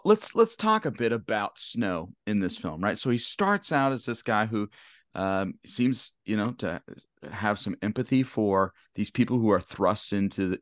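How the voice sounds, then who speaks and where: A man hosting a casual podcast discussion, talking in a halting way with many restarts. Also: on the low side, dry recording, studio quality. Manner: halting, lots of restarts and fillers. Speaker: podcast host.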